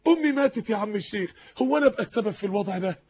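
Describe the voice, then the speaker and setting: A man's voice: sits high, animated, racing, darkish tone, slight background noise. A preacher voicing a distraught woman caller. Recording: dull lo-fi recording.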